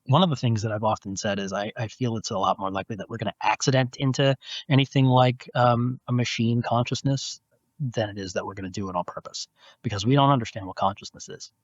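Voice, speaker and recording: A man who is a philosophy professor, answering interview questions in a measured, explanatory way over a video call. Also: fairly low pitch, steady tone, dry recording. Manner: measured, explanatory, with frequent restarts. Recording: dull, lo-fi, dry video call audio.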